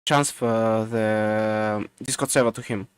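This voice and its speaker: Halting man with a smooth voice. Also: fairly low pitch, fairly even intonation, dry recording. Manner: halting, many fillers and restarts. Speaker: podcast co-host. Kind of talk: casual chat.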